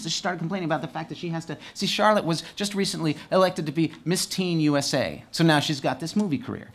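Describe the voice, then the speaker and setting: Male storyteller, monologue delivery, animated with big swings in energy, stammers and repeats words. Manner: animated, swings between excited highs and hushed lows. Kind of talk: first-person storytelling monologue.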